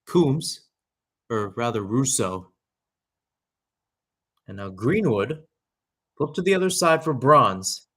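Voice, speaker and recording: Delivering radio-style soccer commentary, this young man speaks slowly with frequent pauses, his mid-range voice expressive, somewhat bright and husky. He often corrects himself and slips into conversational tangents as he calls the live action.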